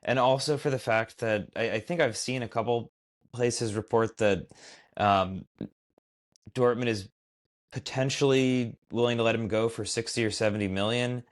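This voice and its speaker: A man's voice: mid-range voice, steady tone, normal speed. A man co-hosting a casual podcast chat, hesitant and restarting his sentences often. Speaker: podcast co-host.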